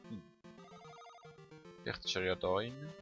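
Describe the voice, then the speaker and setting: A man's voice: on the low side, lively intonation, moderate pace, gravelly, faint music behind. A man with a Swiss German accent giving casual, chatty commentary over a video game he plays, often muttering to himself. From Switzerland. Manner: chatty, muttering to himself, bursts of frantic shouting. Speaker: let's play host.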